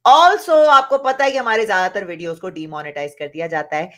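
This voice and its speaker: A woman's voice: mid-range voice, very animated, brisk, a bit bright. A woman gives opinionated reaction commentary in a vlog. Her delivery is emphatic and repetitive, hammering points home and slipping in English phrases. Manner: emphatic, repetitive, switches between Hindi and English. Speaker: reaction vlogger.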